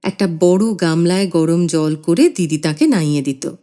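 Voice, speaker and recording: A woman narrating a literary short story in an expressive, measured way. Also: on the low side. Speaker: audiobook narrator.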